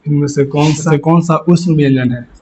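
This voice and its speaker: A man's voice: a little high, moderate pace, a little mellow, slight background noise. A man teaching an exam-focused Hindi grammar lesson, repeating key points and quizzing his students. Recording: muffled lo-fi recording.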